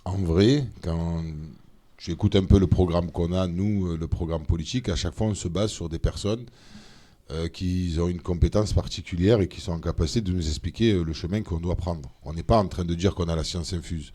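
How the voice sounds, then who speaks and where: A man, a member of parliament, talking as a guest in a casual interview, animated and full of hesitations. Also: deep voice, a little fast. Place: studio of a streamed show.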